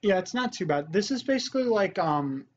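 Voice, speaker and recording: An excitable man doing casual game commentary with very lively, swinging intonation. The sound is slightly dull with faint background noise. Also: high voice, a little fast. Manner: excitable, says dude often. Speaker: gamer commentating on a party board game. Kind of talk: casual let's play chat.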